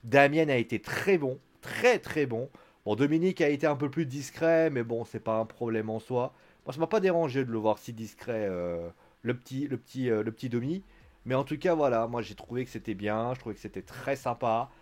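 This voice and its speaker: A man's voice: medium pitch, fairly quick. A man giving a casual live-stream recap of a wrestling show, chatty and joking, with theatrical asides to his viewers.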